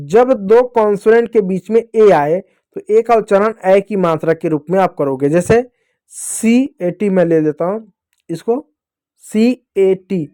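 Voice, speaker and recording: A man's voice: high-pitched, dark tone, smooth, no room sound, studio quality. A young man teaching a phonics lesson to young children, patiently repeating rules and asking and answering his own questions.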